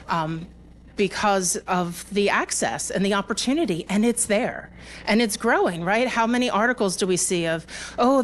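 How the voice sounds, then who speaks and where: A woman's voice: medium pitch, a little hiss or hum. Woman giving a conversational conference talk. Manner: conversational, with frequent fillers and restarts; laughs between points, engages the audience. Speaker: conference speaker. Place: conference hall with a live audience.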